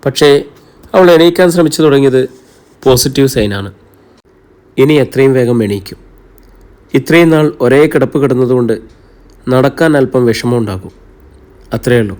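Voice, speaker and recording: A man voicing a confident, calm male doctor in a novel reading. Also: medium pitch, moderate pace, long pauses, close to an everyday voice. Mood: reassuring. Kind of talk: audiobook character reading.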